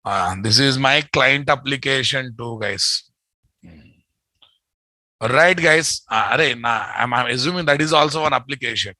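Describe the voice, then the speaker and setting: A man's voice: mid-range voice, unhurried, pushed and bright, no echo. A man with a Telugu Indian accent giving an informal programming lecture, repeating phrases and addressing his students directly. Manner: informal, repetitive, addressing students as guys and boss. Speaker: programming teacher.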